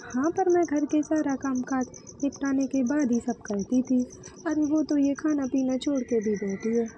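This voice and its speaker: A woman's voice: high-pitched, moderate pace, warm tone, reverberant, dull audio, slight background noise, natural voice. A woman voicing a middle-aged mother who scolds and complains about her daughter. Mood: scolding.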